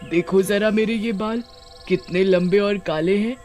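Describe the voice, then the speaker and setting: A man voicing a kindly female river witch in a storybook tale, speaking gently and soothingly like a mother. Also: high voice, steady tone, a little slow, faint music behind.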